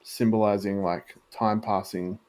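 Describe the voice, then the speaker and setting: A man's voice: fairly low pitch, flat delivery, measured pace, a little mellow. A man co-hosting a livestream, explaining things in a hesitant, rambling way full of likes and ums. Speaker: live artist co-host. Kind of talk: casual livestream chat.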